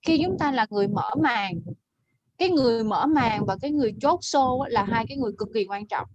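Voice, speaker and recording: A woman teaching an online English class over a video call, correcting pronunciation and modelling words slowly. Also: fairly high pitch, darkish tone, muffled recording.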